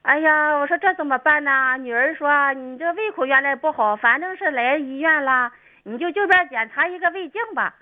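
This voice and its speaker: A middle-aged woman with a Dalian accent rambles through her story and laughs often. Her voice sits high. The sound is dull and lo-fi. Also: normal speed. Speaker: call-in guest. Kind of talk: chatty storytelling.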